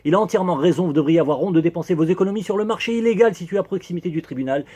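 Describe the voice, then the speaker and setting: A man's voice: high voice, very fast, warm tone, slightly rough. A man from Algeria, delivering a satirical comic monologue full of ironic punchlines. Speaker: humor columnist.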